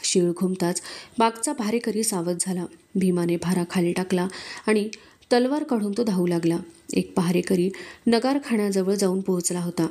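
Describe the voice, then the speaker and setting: A woman narrating a historical novel aloud in a steady storytelling manner. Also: lowish voice. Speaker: audiobook reader.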